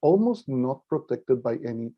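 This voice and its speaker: Male guest lecturer, informal and halting, voice a bit weak with a cold, muffled lo-fi video call sound. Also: mid-range voice, very animated. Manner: hesitant, halting delivery. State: slightly weak voice from a mild cold. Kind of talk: informal online presentation. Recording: dull, lo-fi video call audio.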